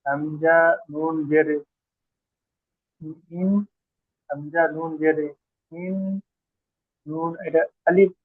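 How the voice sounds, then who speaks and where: A man's voice: fairly high pitch, steady tone, very slow, pauses often, no room sound. A man who is a student in an online Quran reading class, carefully reciting the letters one by one. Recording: thin phone-like call audio.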